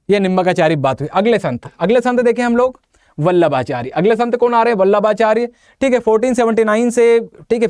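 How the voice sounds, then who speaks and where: Teaching an exam-prep class, this man keeps quizzing his students and then supplying the answers himself. He's lively, full of jokes and playful mnemonics. The high-pitched voice carries no room sound.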